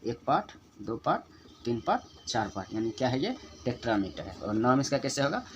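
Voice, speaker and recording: Man, teacher, spoken lesson, methodical, asks and answers own questions, drawn-out example words, mid pitch. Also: big pitch swings, lo-fi sound, slight background noise. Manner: methodical, repeats example words slowly for emphasis. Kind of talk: spoken lesson on poetic meter.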